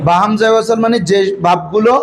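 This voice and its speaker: A man with a high voice and fairly even intonation talks fast as he teaches Arabic grammar over a loud crowd. He prompts students to repeat answers back in call-and-response style, recorded in an echoey room with background noise.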